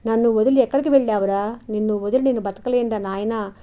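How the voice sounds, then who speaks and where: A woman's voice: on the high side, steady tone, fast, warm tone, lo-fi sound, natural voice. A woman voicing a frail old schoolmaster, quavering. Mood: weeping. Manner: breathless, quavering, tearful pleading. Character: frail, ailing old village schoolmaster, fond father. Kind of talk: audiobook character reading.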